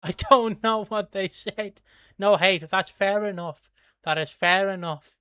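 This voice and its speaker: Studio-quality and dry, the recording captures a medium-pitched, a bit bright, clean voice going a little slowly. An Irishman from Kildare hosts a casual livestream, reading viewer comments with rambling talk, swearing and laughter, and plugs his merch in a breezy, offhand manner.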